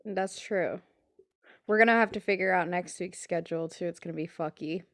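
A woman's voice: on the low side, fairly quick, a bit bright, no room sound, clean studio sound. Laid-back, blunt young woman, dryly recorded. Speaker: podcast co-host. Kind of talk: casual podcast chat.

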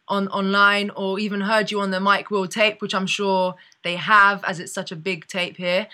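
A woman's voice: mid-range voice, pushed and bright. A woman hosting a casual radio interview, bubbly and laughing often. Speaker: radio host.

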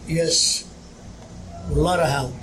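Higher-pitched older man. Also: steady tone, slow. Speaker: interviewee, member of card group. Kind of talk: casual chat. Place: community center room. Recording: noisy room ambience.

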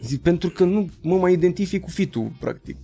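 A man in his thirties, a rapper and beatmaker, telling stories in a casual interview and acting out quotes in high voices. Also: expressive, mellow, soft background music.

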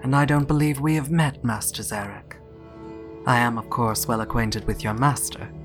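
A man narrating an audiobook, voicing a huge female sphinx judge who speaks in a measured, formal way. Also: medium pitch, fairly even intonation, over music, close to an everyday voice. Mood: composed.

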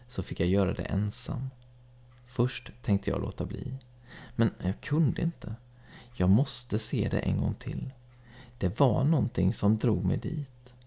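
A man narrating a first-person story in a calm, even storytelling read. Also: low-pitched, vocal fry, husky. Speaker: audiobook narrator.

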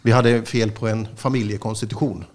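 A man's voice: fairly low pitch, fairly even intonation, a little mellow. A man hosting a radio show, bantering casually, joking and laughing often and stumbling over restarts.

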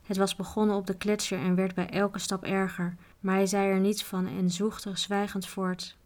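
A woman reading a children's book aloud as a storyteller, in a calm, even way. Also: mid-range voice, moderate pace.

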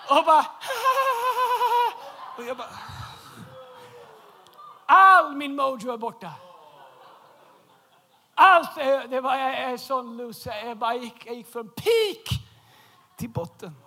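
A man preaching a humorous sermon in a church, telling a story with lively shouted punchlines. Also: very high-pitched. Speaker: pastor. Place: large church hall.

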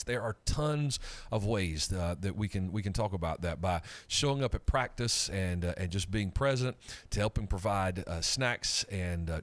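On a weekly faith radio program, an upbeat, conversational male host interviews a guest and makes a ministry appeal. He often pauses on fillers and restarts his sentences. His voice sits a little low for a man.

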